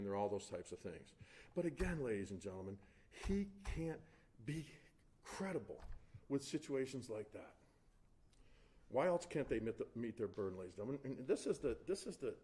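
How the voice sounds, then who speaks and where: A defense attorney with a mellow, medium-pitched voice delivers a courtroom closing argument. He is emphatic and pressing, turning to address the jury repeatedly and often restarting his sentences.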